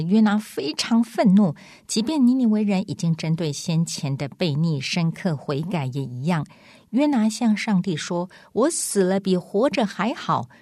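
Low-voiced woman reading calmly. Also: no room sound, studio quality. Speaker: narrator.

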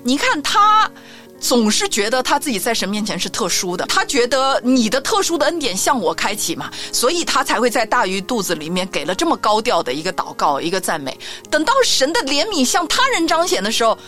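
Brief: middle-aged woman, co-host of a faith talk show, lively storyteller, soft music bed behind. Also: a little high, brisk. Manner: animated storytelling, acts out quoted voices.

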